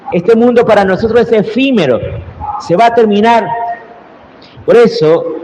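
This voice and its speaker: Priest, man, unhurried earnest homily in a resonant church with a long tail, fairly high voice. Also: a little mellow, highs cut off, a little hiss or hum. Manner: slow, earnest preaching that swells into cried-out prayers. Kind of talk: Sunday homily. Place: large echoing church. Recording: roomy church reverb with faint ambience.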